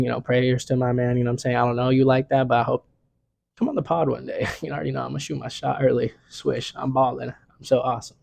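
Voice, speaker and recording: A man's voice: medium pitch, gravelly, darkish tone, dry recording. A young man hosting a casual sports picks vlog, talking in a laid-back, slangy way full of "you know what I'm saying".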